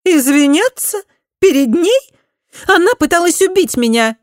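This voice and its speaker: A woman reading an audiobook, voicing a spoiled, accusing pregnant young noblewoman in a high, loud voice. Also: expressive, moderate pace, dry recording, clean studio sound. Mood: indignant.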